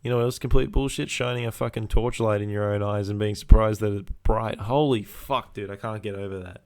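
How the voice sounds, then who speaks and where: A young man with a fairly low voice rants casually as a podcast host. He leans on laddish slang and swearing, sounds exasperated, and repeats his points to drive them home. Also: steady tone, brisk, a little mellow. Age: young adult.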